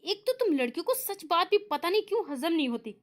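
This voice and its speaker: A cheeky young man who teases and boasts with mock innocence. A woman narrator voices him in her own high, lively tone. His lines swing between sweet and smug. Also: fast.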